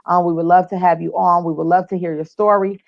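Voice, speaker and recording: A woman's voice: lowish voice, flat delivery, fast, creaky, lo-fi sound. A woman hosting a podcast, chatting casually with upbeat, slangy hype as she wraps up the show. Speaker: podcast host. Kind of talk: casual show wrap-up chat.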